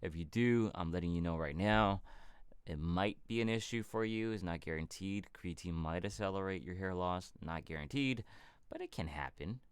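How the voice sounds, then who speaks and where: Low-voiced man answering livestream questions. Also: normal speed, clear, resonant tone, dry recording. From California. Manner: relaxed, rambling answers to viewer questions. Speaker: fitness channel host. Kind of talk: casual livestream Q&A.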